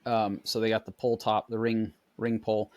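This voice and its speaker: A man co-hosting a podcast, chatting in a relaxed, explanatory way and demonstrating as he talks. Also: on the low side, moderate pace, dry recording. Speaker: podcast co-host. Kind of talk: casual chat.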